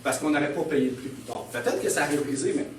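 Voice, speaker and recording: A man's voice: a little high, fast, roomy sound, far from the mic, a little hiss or hum. A man with a Québécois French accent preaching a sermon as pastor, emphatic, often calling out "Amen?" and laughing. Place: church hall.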